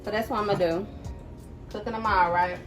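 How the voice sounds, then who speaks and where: A woman's voice: medium pitch, steady tone, a little fast. Chatty woman cooking at home. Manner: chatty, repeats "right?" and "y'all". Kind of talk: casual cook-along chat. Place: home kitchen. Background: background music.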